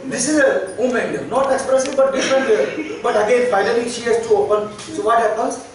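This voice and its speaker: A man's voice: extremely high pitch, brisk. Man lecturing in an echoey hall. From India. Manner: plain non-native English, chuckling asides. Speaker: therapy trainer. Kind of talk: classroom lecture. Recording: echoey hall, distant mic, faint noise.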